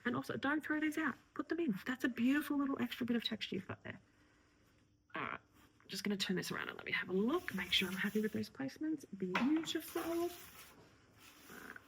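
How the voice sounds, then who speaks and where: A woman florist talks viewers through her work in a relaxed, encouraging way. Her voice has a gravelly edge, and she often slips into a half-whisper mid-task. Faint noise sits under the recording. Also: on the low side, poor audio. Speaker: florist teaching a tutorial. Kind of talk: casual instructional talk while working.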